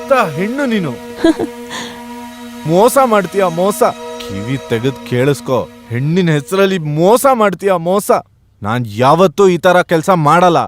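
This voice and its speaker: A man's voice: sits high, big pitch swings, a little slow, soft background music. An actor playing an upright husband who bitterly scolds his wife for deceit. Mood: indignant. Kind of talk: film drama acting.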